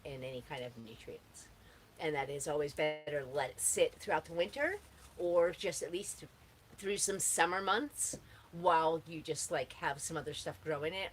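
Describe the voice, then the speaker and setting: Laid-back, rambling woman with a lowish voice. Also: a bit bright, a little hiss or hum. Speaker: host answering gardening questions. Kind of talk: casual rambling chat.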